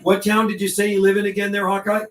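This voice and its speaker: Hosting a CB radio livestream, a man talks fast in a high-pitched voice with a completely flat delivery. He chats casually in slang, repeating and relaying messages between operators, picked up by a distant mic in a roomy space.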